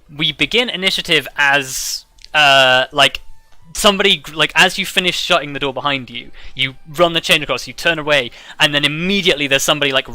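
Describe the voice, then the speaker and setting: A man running a tabletop game as game master. His voice is very bright and forward, recorded dry and close. He narrates in a halting, improvised way, feeling out each description as he goes. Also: medium pitch, no room sound.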